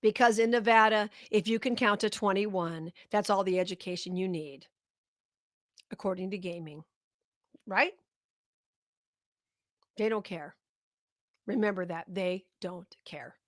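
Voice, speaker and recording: A woman's voice: medium pitch, fairly even intonation, unhurried, pauses often, dry recording, clean studio sound. A middle-aged woman hosting a live political commentary show, talking straight to her viewers with indignant, sarcastic outrage.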